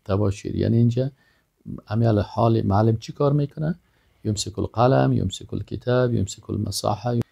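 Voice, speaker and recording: An older man teaches a vocabulary lesson in a low, dark voice full of gravelly fry. He pronounces each term carefully and repeats it before he explains it. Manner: slow, repeats each word and then gives its meaning. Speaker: Arabic teacher. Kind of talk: vocabulary lesson, word then translation.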